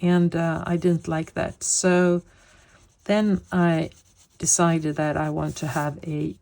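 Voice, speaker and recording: Her voice is low and darkish with vocal fry, delivered flatly and slowly. She's a Swedish coloring vlogger in her late fifties who chats casually in English, her second language, searching for words along the way.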